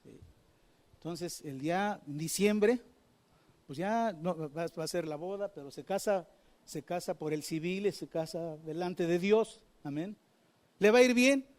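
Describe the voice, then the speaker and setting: High-voiced male preacher, emphatic. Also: unhurried, darkish tone. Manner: preaching with rhetorical questions to the congregation; emphatic, repeating phrases for stress. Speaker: pastor. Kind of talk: sermon.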